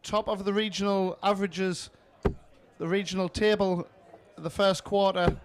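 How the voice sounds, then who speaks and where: High-pitched male darts commentator. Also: little pitch movement, unhurried, smooth. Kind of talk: live sports commentary.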